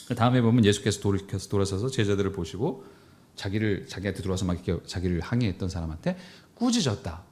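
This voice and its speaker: A man's voice: mid-range voice, a little mellow. A man preaching a sermon as pastor, in a conversational way that acts out quoted dialogue.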